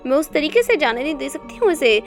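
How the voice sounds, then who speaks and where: A woman's voice: sits high, big pitch swings, quick pace, faint music behind. Anxious young heroine, as a woman narrator reads her. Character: frightened young woman, time traveler, anxious.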